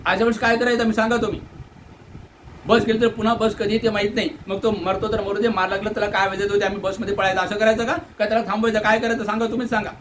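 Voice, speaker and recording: A man from delivers an earnest complaint monologue, asking indignant rhetorical questions and mimicking shouted orders. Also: high-pitched, little pitch movement, very fast, a little hiss or hum, poor audio. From India. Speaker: Buddhist monk airing commuter complaints. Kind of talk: direct-to-camera complaint monologue.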